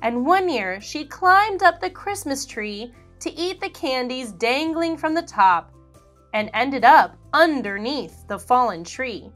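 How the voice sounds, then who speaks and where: This is an expressive children's read-aloud: a female reader takes her time, drawing out every phrase of a picture book. Her voice sits a touch high and swings broadly as she narrates, lively yet slow and clear, over faint, gentle music.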